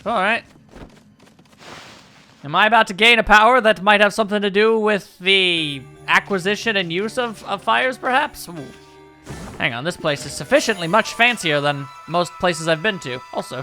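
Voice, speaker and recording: A man's voice: sits high, expressive, normal speed, pushed and bright, faint music behind. A man playing a video game and giving casual, joking commentary, wry and rambling as he thinks aloud. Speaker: video game let's player.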